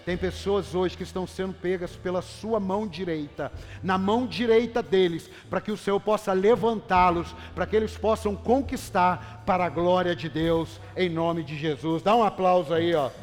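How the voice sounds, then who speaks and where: A man with a Brazilian Portuguese accent preaching a fervent sermon, swinging from hushed tones to shouting and repeatedly calling out questions to the congregation. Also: high-pitched, normal speed. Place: church hall. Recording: reverberant hall with faint music.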